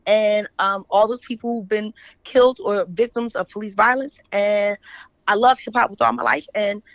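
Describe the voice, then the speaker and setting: In dull, lo-fi audio without echo, an American woman from Philadelphia tells stories as a guest in an interview. An author and editor, she talks conversationally and keeps checking in with "right?", using a mid-range, steady voice at a moderate pace.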